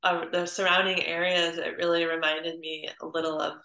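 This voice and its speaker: Bright-voiced woman from Illinois, roomy echo. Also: fairly low pitch, level tone, normal speed. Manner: polite, hesitant, with fillers like "um" and "like". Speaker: audience member asking questions. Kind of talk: casual conversation.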